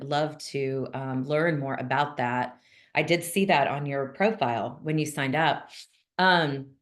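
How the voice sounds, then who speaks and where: A woman with a low voice hosts a relaxed online members' call. She talks in a chatty, upbeat way, says things straight, and fills her pauses with ums. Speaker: host of a monthly call for notaries. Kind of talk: casual video-call chat.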